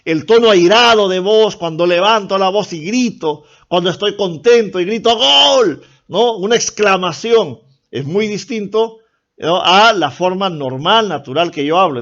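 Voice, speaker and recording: A Peruvian man teaching a lecture-style class with a voice that sits a little high. He explains step by step and keeps checking with "¿no?". The recording sounds dull and lo-fi. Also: lively intonation, normal speed, fairly bright tone. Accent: Peruvian Spanish. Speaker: language teacher.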